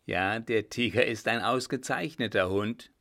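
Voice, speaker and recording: A man voicing a sly, cheeky coachman who talks calmly and teasingly. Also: lowish voice, unhurried.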